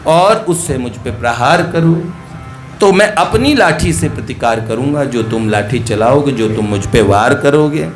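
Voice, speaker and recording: A man's voice: medium pitch, animated, measured pace, faint music behind. A man telling a devotional story with a playful, affectionate teacher's tone. He sings rhyming couplets and then explains them in plain speech. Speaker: spiritual storyteller. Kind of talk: devotional storytelling with sung verses.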